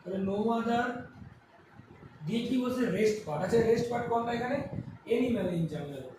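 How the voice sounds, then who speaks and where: A man's voice: very high-pitched, expressive, moderate pace. A man teaching English grammar at a board, explaining step by step and asking and answering his own questions. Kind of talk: classroom-style lesson at a board. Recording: echoey room, far from the mic, background noise.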